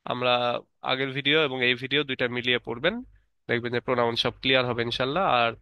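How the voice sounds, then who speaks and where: A man's voice: mid-range voice, no echo, dull audio. A man teaching an online English grammar lesson, explaining step by step and repeating key terms.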